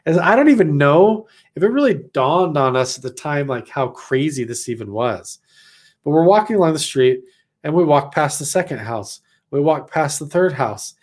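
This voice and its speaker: A man's voice: fairly high pitch, animated, normal speed. A man from Idaho telling a personal story in a casual, rambling way, full of "like" and acted-out quotes. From Idaho, USA. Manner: rambling, many "like" fillers, acts out quotes. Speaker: vlogger recounting a personal experience.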